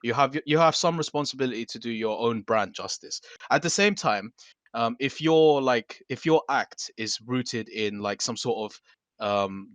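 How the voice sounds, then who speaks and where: Animated, swearing male podcast host. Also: mid-range voice, no echo. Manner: animated, swears, frequent restarts. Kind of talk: casual podcast chat.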